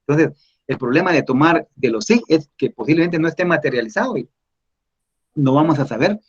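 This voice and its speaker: A man teaching surveying in an online class, explaining slowly and patiently over a video call. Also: fairly high pitch, animated, breathy edge, dull audio. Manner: slow, explanatory, addresses listeners as "mis estimados". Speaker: surveying instructor answering questions.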